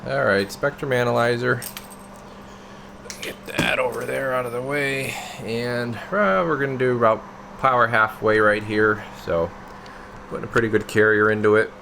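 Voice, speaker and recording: Speaking at normal speed with a medium pitch and vocal fry, a man narrates a CB radio demo without a script. As a radio technician he mutters and reasons aloud casually while working, against a noisy room's steady equipment hum.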